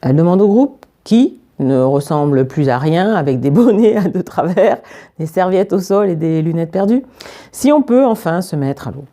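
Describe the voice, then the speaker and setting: A woman's voice: lowish voice, moderate pace. Giggly woman reading a children's book. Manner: expressive reading, breaks into giggling fits. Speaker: storyteller.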